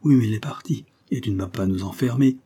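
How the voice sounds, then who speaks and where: A man's voice: lowish voice, quick pace, dark tone, slightly rough. A man voicing a sulky, impulsive little boy who talks in a pouty way.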